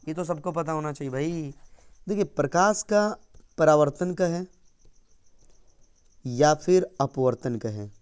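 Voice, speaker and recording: Man, science teacher, fairly high voice, energetic, repeats key terms, answers his own questions. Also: smooth. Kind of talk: exam-prep science lesson.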